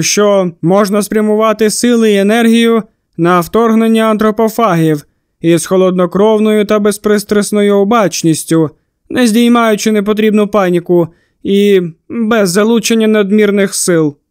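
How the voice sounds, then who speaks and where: A man's voice: high-pitched, darkish tone, smooth, dry recording, close to an everyday voice. A man voicing a cold, precise doctor. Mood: detached. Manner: measured, dry and precise. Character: cold, rational male scientist doctor, evasive.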